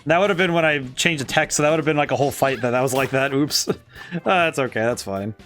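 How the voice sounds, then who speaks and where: A man's voice: mid-range voice, fast talker, a bit bright, soft background music. A young man chatting casually while streaming a game, laughing often and correcting himself as he goes. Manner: chatty, giggly, self-correcting with frequent laughs. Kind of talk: casual live-stream commentary while playing.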